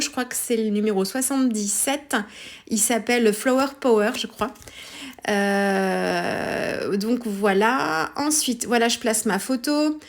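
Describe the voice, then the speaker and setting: A French-accented woman narrates her craft tutorial in a relaxed, chatty voice. She often pauses on fillers and corrects herself mid-sentence. Her voice sits a little high for a woman. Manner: hesitant, many fillers and self-corrections. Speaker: scrapbooking tutorial host. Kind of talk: casual craft tutorial voice-over.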